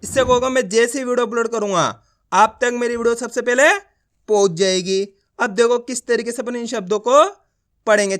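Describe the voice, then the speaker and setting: A man teaches a reading lesson. He sounds out each letter slowly and keeps asking if learners follow along. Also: extremely high pitch, fairly bright tone. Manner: slow syllable-by-syllable drilling, asks learners to repeat along; often asks whether it is clear. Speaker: Hindi teacher.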